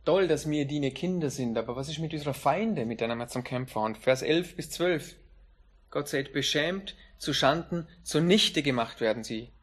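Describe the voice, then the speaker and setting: A man preaching a sermon in an emphatic way, slowing down on key phrases. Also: fairly high pitch, expressive, husky.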